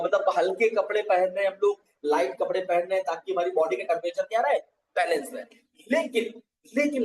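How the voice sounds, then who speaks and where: A man's voice: high voice, distant mic. A man giving a live farming training, explaining step by step and checking often that viewers follow. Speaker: agriculture trainer. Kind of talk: live online teaching session. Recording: echoey room, voice set back from the mic.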